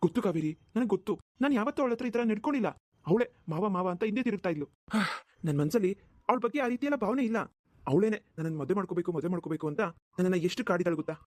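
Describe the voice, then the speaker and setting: Woman doing a rapid-fire flustered cartoon husband, dry close sound, pleading. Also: mid-range voice, expressive, a little mellow, dry recording, natural voice. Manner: pleading, exasperated. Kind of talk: cartoon voice acting.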